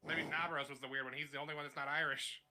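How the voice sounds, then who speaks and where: A man's voice: fairly high pitch, flat delivery, racing, sharp tone. A man playing in a tabletop game, making wry, joking remarks. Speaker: player. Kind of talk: casual tabletop play.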